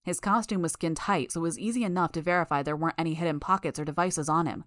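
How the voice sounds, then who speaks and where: A woman reading a first-person story aloud in a steady, measured way. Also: sits low, no echo, studio quality. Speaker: audiobook narrator. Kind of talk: first-person audiobook narration.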